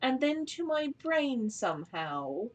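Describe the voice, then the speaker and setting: A woman's voice: high voice, very animated, takes it slowly, rough recording. A woman chatting casually and rambling on a live game stream, with many fillers and offhand swearing. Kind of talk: casual chat.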